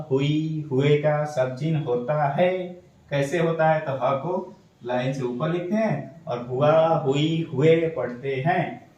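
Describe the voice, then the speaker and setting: A man's voice: fairly high pitch, darkish tone. A man teaching shorthand step by step, patiently asking questions and answering them himself. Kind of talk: step-by-step tutorial explanation. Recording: echoey room, voice from a distance.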